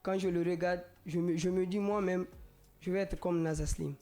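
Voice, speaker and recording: A man's voice: high voice, fairly even intonation, moderate pace, mellow. A young man, a singer guest on a talk show, giving brief and casual answers. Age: young adult. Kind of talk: interview answers.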